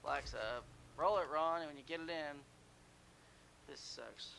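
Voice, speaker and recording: A man's voice: fairly high pitch, measured pace, vocal fry, fairly bright tone, slight background noise. A man in a TV control room giving terse, exasperated off-air cues.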